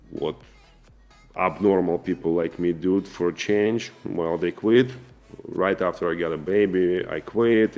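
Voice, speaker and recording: A man in his forties with a Russian accent, telling his own story to camera in an earnest, halting way with many fillers and restarts. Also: deep voice, a little mellow. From former Soviet Union. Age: 40s. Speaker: vlogger and businessman. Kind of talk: casual personal storytelling to camera.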